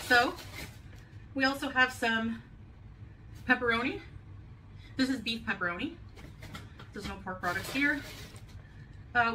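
A woman's voice on the high side, sharp in tone, rambles chattily with light laughs as she unpacks her groceries in her home kitchen for a haul vlog. A camera on the counter records her from a distance, picking up faint room hum, and the clip is played back.

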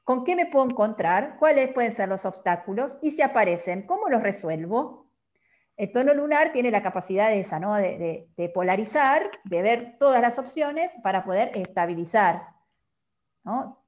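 A fairly high-pitched, expressive woman with a darkish tone talks at normal speed about a calendar system. As a guest teacher she explains patiently, frequently closing her points with a questioning tag.

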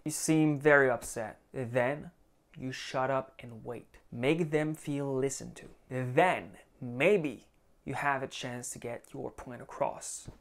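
A man's voice: medium pitch, takes it slowly, creaky. A young man delivering a blunt, profane motivational advice monologue as a vlogger.

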